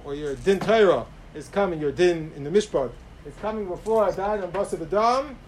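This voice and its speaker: Male rabbi, high-pitched, sermon delivery, stressed phrases against quieter asides, some background noise. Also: rough recording. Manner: emphatic, swinging between raised stress and softer asides. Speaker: rabbi giving a religious talk. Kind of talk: sermon, Torah lecture with Hebrew quotations.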